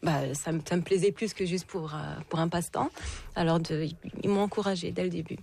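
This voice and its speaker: Hesitant woman in her thirties, lowish voice. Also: steady tone, a little fast, darkish tone, slight background noise. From born in Switzerland, raised in France and Canada. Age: 30s. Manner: hesitant, many restarts, laughs often. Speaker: guest singer-songwriter. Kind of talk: radio interview.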